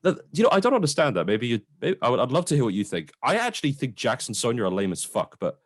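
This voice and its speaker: A podcast co-host reviewing films talks fast in a medium-pitched voice whose pitch swoops wildly. The discussion is casual, and he's informal, opinionated, and swears now and then.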